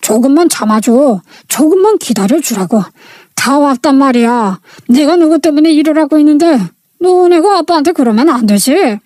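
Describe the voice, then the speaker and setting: A woman voicing a ruthless middle-aged businessman husband, speaking low and defensively in a storybook reading. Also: expressive, normal speed, mellow, dry recording, clean studio sound.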